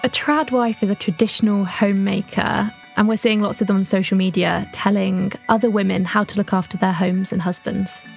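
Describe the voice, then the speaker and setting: A woman's voice: mid-range voice, steady tone, brisk, creaky, hardly any pauses, faint music behind. A young woman, a culture writer answering interview questions in a thoughtful, reflective way. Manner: thoughtful, reflective, occasional laughs. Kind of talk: conversational podcast interview.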